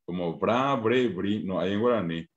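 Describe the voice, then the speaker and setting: A man's voice: low-pitched, highs cut off. A man with a Paraguayan Spanish accent teaching a Guarani class over a video call, patiently sounding out syllables one by one. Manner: patient, spells out syllables slowly. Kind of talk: online language lesson.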